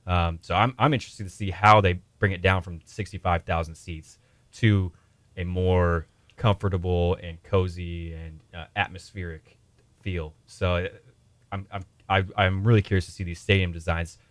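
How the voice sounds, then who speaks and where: A man on a sports show panel chatting casually and haltingly as he searches for words. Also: low voice, steady tone, a bit bright, dry recording.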